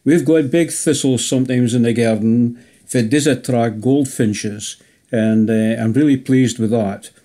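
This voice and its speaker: A man's voice: mid-range voice, fairly even intonation, unhurried, mellow. A man with a Scottish accent asking a question as a radio listener in a recorded message. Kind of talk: unhurried spoken question.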